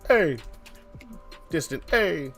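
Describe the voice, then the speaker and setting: Hosting a game developer's live stream, a man speaks on the high side, animated and a bit bright, drawing out his words. He jokes and rambles playfully, acting out imagined little conversations, while background music plays beneath him.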